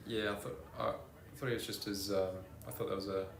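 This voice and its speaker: A man's voice: lowish voice, little pitch movement, fairly quick, vocal fry, echoey room, background noise. A man in casual race commentary, easygoing and often hesitant.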